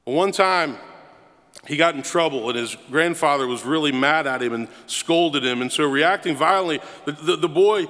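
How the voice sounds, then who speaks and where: A man's voice: on the high side, normal speed, a bit bright, big-room sound. A man preaching a sermon as pastor, emphatic and repeating phrases for effect.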